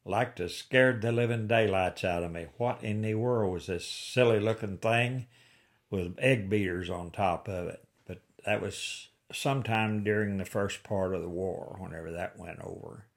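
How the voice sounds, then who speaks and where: A man's voice: lowish voice, moderate pace. An elderly man in his eighties from the rural Missouri Ozarks, with an Ozark Appalachian-style accent, reminiscing in a folksy, plain-spoken storytelling way. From rural Missouri Ozarks, United States. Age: 80s. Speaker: interviewee. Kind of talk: oral history reminiscence.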